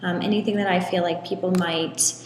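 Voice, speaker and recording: A lower-pitched woman walks through a software tutorial one step at a time, easygoing and sprinkling in little ums. Her voice rings around an echoey room with a long hall-like tail, and a faint hum of room noise sits underneath. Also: fairly quick. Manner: relaxed, explains step by step with frequent ums. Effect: echoey room with long hall-like reverb. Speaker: tutorial presenter. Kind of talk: screen walkthrough tutorial.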